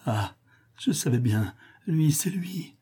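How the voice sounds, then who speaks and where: A man's voice: mid-range voice, slow pace, mellow, breathy edge. A man voicing a frightened young woman who sobs and pleads for rescue. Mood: desperate. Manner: sobbing, pleading.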